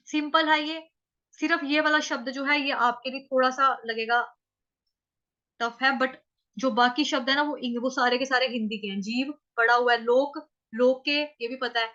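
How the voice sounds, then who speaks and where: High bright-voiced woman teaching Sanskrit chanting. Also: steady tone. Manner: slow drawn-out chanting of verse, then quick chatty explanation. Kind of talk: step-by-step pronunciation lesson. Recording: slightly dull lo-fi audio.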